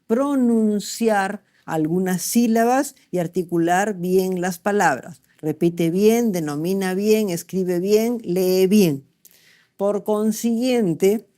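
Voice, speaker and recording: A woman's voice: medium pitch, warm tone. A middle-aged woman gives a medical lecture, asking the class questions and checking in with them often.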